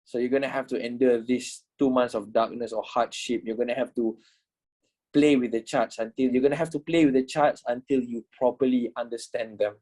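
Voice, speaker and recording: Captured on a rough recording, this twenty-something man teaching a casual trading class swears, repeats himself, and asks "you know?" a lot as he wraps up online. His mid-range voice is darkish and steady in tone, at a fairly quick pace.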